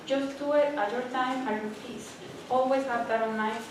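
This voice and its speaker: A woman's voice: on the high side, fairly even intonation, moderate pace, a little hiss or hum. A woman with a non-native English accent giving an earnest, encouraging speech to fellow students in a library event room. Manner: earnest, encouraging, addresses audience directly. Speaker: student speaker. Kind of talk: inspirational speech. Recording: very echoey room from far off.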